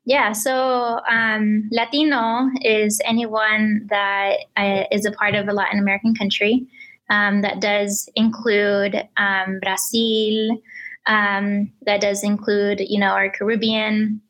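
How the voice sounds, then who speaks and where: A woman's voice: medium pitch, flat delivery, slow, a bit bright, rough recording. Young woman guest from Mexico. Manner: explains carefully, many "um"s, agreeable backchannels. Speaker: interview guest. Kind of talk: conversational interview.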